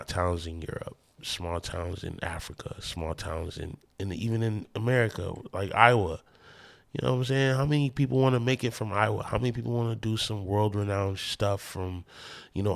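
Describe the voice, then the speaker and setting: A man's voice: deep voice, normal speed, creaky. A man from the American Midwest, a musician guest talking in a loose, rambling, laid-back way on a casual podcast.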